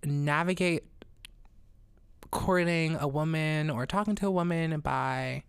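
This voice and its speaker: A young adult woman talking casually on a podcast, animated and slangy, laughing often. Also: sits low, slow pace, smooth, no echo. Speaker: podcast guest.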